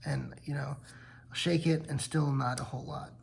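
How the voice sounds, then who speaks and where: A man's voice: mid-range voice, steady tone, normal speed, gravelly, slight background noise, poor audio. A tired man yawning late at night, casually demonstrating knives on his channel and often correcting himself as he rambles. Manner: rambling, self-correcting explanations. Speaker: knife channel host. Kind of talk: casual hands-on demo vlog.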